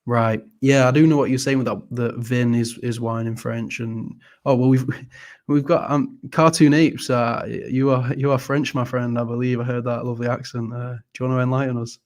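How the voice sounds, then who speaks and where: A man's voice: mid-range voice, little pitch movement, moderate pace, darkish tone. A man hosting a casual live audio panel, friendly and hesitant, often repeating words and apologizing. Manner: friendly, calls people mate. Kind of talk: casual chat.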